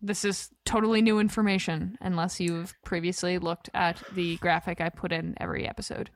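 A woman's voice: fairly low pitch, little pitch movement, a little fast, dry recording. Woman hosting a podcast, dry sound. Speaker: podcast host. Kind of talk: casual hosting.

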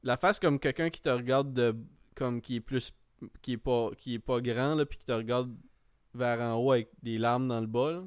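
Telling funny stories in a relaxed chat, a male podcast host with a Quebec French accent wanders, repeats himself and slips in English slang. He talks at a moderate pace with a medium pitch and clean tone, in clean studio sound without echo.

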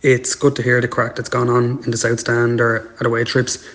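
A man's voice: mid-range voice, monotone, normal speed, a bit bright. A young man with an Irish accent, calling in as a supporter and giving casual, orderly answers to a set of questions. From Ireland. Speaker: overseas football supporter calling in.

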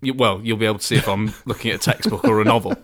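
A man's voice: lowish voice, fairly even intonation, racing, fairly bright tone. A man co-hosting a casual comedy chat, reading passages aloud in a dry, self-mocking way. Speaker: podcast co-host.

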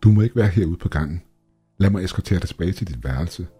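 A man voicing a cheerful, eerily strong female nurse with a high, sugary sweet voice in a horror story. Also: sing-song, warm tone, husky, soft background music, heavily acted. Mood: chasing cheerfully.

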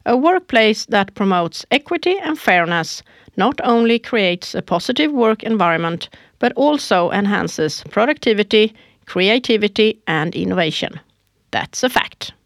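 A woman's voice: mid-range voice, expressive, measured pace, no room sound, studio quality. A woman co-hosting a corporate podcast who gives prepared lines with emphasis. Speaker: podcast co-host. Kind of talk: scripted corporate podcast dialogue.

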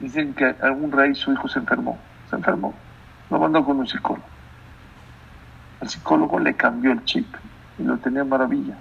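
A man's voice: mid-range voice, fairly even intonation, a little fast, gravelly, pauses often, slightly rough. A man giving a sermon as a rabbi, emphatic, repeating phrases and putting questions to his listeners, on a dull lo-fi recording. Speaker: rabbi, religious teacher.

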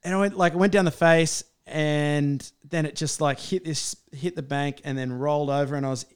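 A man's voice: on the high side, fairly even intonation, moderate pace, clean tone. A young Australian man chatting casually and telling stories in a laid-back, blokey tradie way, full of matey slang. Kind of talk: casual chat and storytelling.

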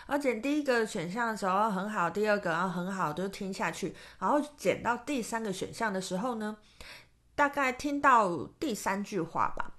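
A woman's voice: medium pitch, lively intonation, moderate pace, fairly bright tone. A woman with a Taiwanese Mandarin accent hosting a solo podcast, chatting casually and rambling with many fillers and restarts. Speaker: podcast host and tarot reader.

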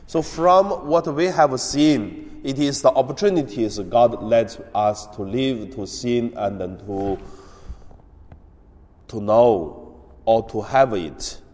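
A man, a priest, giving a gospel reading and homily in a slow, halting way with many pauses, his voice carried by a long cathedral echo. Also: medium pitch, a little mellow. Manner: slow, halting delivery with frequent hesitations. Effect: cathedral echo, long church reverb. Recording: long reverb of a large church.

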